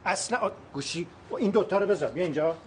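A man's voice: high voice, background noise, natural voice. A man playing a flustered fussy caretaker. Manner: flustered, fussing, rambling. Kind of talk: TV drama acting.

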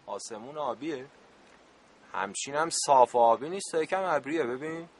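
A man's voice: medium pitch, animated, close to an everyday voice. Man playing a joking, exasperated camp supervisor. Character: good-natured adult camp supervisor. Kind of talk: radio play acting.

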